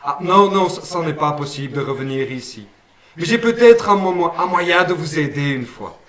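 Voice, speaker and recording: A man's voice: on the high side, lively intonation, moderate pace, a bit bright. A man voicing a friendly male guardian angel with a Brussels accent, homely and fond of saying "une fois" and "hein". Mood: kindly. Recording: roomy sound, mic at a distance.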